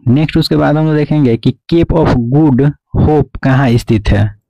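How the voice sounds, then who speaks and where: A man's voice: on the high side, moderate pace, vocal fry, dark tone, dry recording, dull audio. A man teaching an exam-prep quiz lesson, repeating "remember" and "okay" as he drills each answer.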